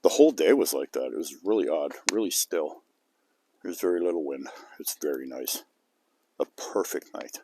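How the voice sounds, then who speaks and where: An older man telling a rambling outdoor story to the camera in a folksy way, chuckling between lines, recorded outside on a calm, cold day. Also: rumbling low, normal speed, slight background noise. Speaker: outdoor vlogger.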